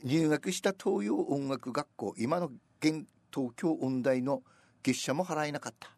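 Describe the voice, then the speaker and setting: A man in casual radio chat, telling stories with lively recitation of old rhyming verse. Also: fairly high pitch, measured pace, dry recording.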